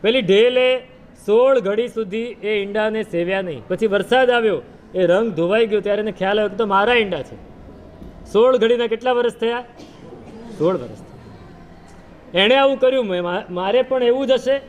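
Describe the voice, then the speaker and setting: High-voiced man giving a storytelling sermon. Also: brisk, a little hiss or hum. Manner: storytelling, rhetorical questions, chanted verses. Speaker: preacher. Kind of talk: sermon retelling a scripture story.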